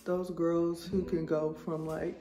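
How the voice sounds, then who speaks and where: A woman's voice: lowish voice, flat delivery, slow pace. A woman in her thirties chatting casually to camera in a family vlog, talking to viewers like friends. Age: 30s. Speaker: vlogger, mom and doctor. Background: background music.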